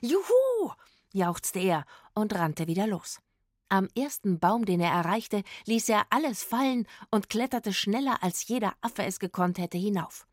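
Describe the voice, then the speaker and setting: A woman's voice: mid-range voice, moderate pace, dry recording, clean studio sound. Woman narrating a children's story. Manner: lively storytelling.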